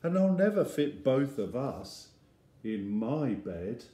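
A man reading a picture book aloud, voicing a tiny, frightened little boy in a high, anxious squeak. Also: big pitch swings, slow, dark tone. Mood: surprised. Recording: roomy echo.

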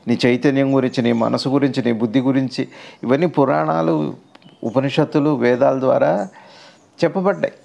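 A man with a gravelly, creaky voice gives a spiritual teaching in the form of a conversation. He explains patiently and asks rhetorical questions. His voice sits at a middling pitch. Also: fairly even intonation, a little fast, darkish tone.

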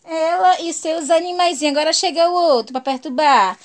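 Brazilian woman, high voice, doting sing-song baby talk, pet dogs. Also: moderate pace. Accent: Brazilian Portuguese. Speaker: vlogger.

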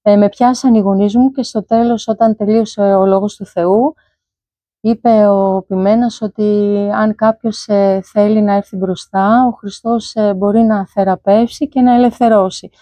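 Middle-aged woman, mellow voice, dry close sound, hesitant testimony. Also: mid-range voice, steady tone, dry recording. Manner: hesitant, many "e" fillers, quotes her parents. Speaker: guest giving a faith testimony. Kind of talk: personal testimony, recounted story.

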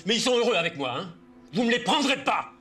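A man's voice: mid-range voice, quick pace, sharp tone, husky, faint music behind. An actor playing an agitated, defiant father who holds on to his sons like a hostage taker in a TV drama. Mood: panicked threatening. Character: agitated armed father refusing to give up his sons, threatening police. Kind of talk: French TV film drama acting.

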